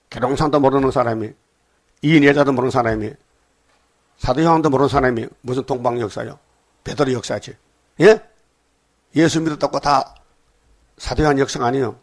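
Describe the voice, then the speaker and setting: A male pastor preaching a dawn sermon in a conversational style, constantly prodding the congregation with quick rhetorical questions. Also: medium pitch.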